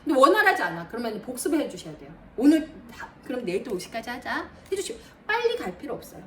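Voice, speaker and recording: A woman math tutor giving a lively lesson to parents, counting aloud and talking straight to mothers. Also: on the high side, fast, distant mic. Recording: roomy, a bit off-mic, faint noise.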